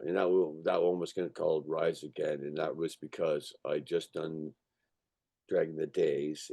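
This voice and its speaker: In a loose, casual interview, a musician, songwriter and record producer with a very low, gravelly, dark and mellow voice tells rambling stories about his craft. He's emphatic and swears freely, checking again and again with "you know" and "right" that the listener is following.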